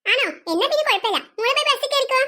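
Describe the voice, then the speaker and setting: A woman's voice: very high voice, animated, very fast, bright, forceful tone, heavily acted. A woman voicing a caring, motherly schoolteacher in a cartoon, fussing over the children. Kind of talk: cartoon voice acting.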